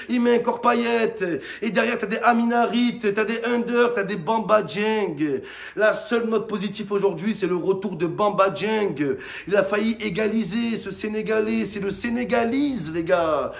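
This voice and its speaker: A man rants about a football match in a high, gravelly voice. He mocks the players loudly and breaks into sudden shouts. The room around him is echoey. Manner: loud, mocking rant with sudden shouts. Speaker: football fan vlogger. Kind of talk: ranting match debrief to camera.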